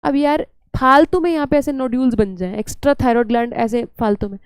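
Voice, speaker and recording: Low-pitched, gravelly woman teacher. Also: fairly even intonation, fast, no room sound. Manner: chatty, scolding, mixes English terms. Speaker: biology teacher. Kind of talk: lecture.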